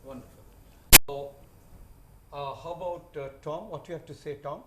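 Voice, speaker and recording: High-voiced host, formal. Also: male voice, moderate pace, a little mellow, a little hiss or hum. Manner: formal, hesitant with many uh fillers. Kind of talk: studio panel hosting.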